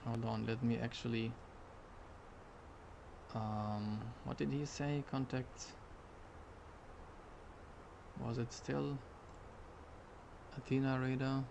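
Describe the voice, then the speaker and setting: Male sim streamer, flat delivery with some fry, hesitant thinking-aloud commentary over faint noise. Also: mid-range voice, slow, pauses often. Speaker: flight sim streamer playing airline pilot.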